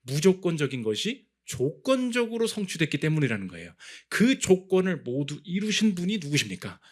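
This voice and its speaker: Lively, animated male pastor preaching. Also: a little high, normal speed. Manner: animated, acts out quoted voices, builds to emphatic peaks. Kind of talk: sermon. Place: church sanctuary.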